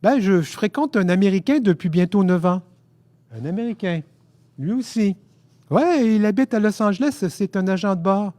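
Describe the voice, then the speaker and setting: A man putting on a shrill, gushing Parisian charmer. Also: expressive, normal speed, mellow. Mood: chatty.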